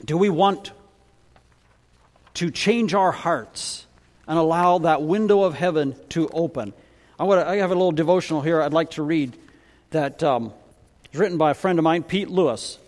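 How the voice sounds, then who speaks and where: A man's voice: a little high, moderate pace, long pauses, a little mellow. A man preaching a storytelling sermon, telling it dramatically and acting out the dialogue. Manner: dramatic, acts out dialogue in varied voices. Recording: long hall reverb.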